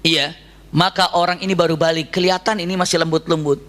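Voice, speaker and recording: Bright, high-voiced man preaching animatedly. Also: fast talker. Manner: animated, asks the audience questions. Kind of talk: storytelling sermon.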